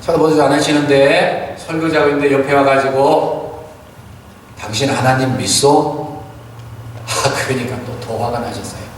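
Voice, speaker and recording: A man's voice: mid-range voice, fairly even intonation, moderate pace, very echoey, big-room sound, slight background noise. A male pastor giving a Sunday sermon in a church sanctuary. He exhorts earnestly, tells stories, and asks rhetorical questions, picked up by a distant room mic.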